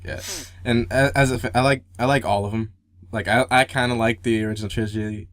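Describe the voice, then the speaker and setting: A young man co-hosting a casual gaming podcast, rambling excitedly and restarting his sentences. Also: mid-range voice, a little fast. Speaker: podcast co-host.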